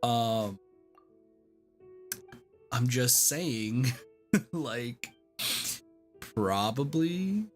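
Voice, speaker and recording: Over video game music, a game streamer with a medium-pitched, expressive voice talks very slowly, leaving long pauses. The livestream chat over gameplay is casual, blunt and sweary, rambling and repetitive, with "like" dropped constantly.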